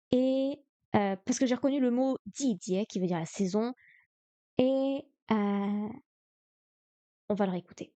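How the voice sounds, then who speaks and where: Woman streamer, mellow and dry-sounding, talks through a lesson hesitantly, full of fillers. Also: a little high, dry recording. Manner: thinks aloud, hesitant, many fillers. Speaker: streamer learning Chinese. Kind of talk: live-streamed study session.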